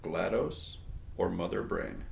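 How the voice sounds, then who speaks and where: Deep gravelly man reading trivia questions. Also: roomy sound. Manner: slow, measured reading of answer options. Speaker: quiz host.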